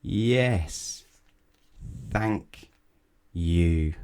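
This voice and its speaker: A man voicing a placid, polite storybook character who talks extraordinarily slowly, drawing out one word at a time. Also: deep voice, darkish tone. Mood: placid, agreeable.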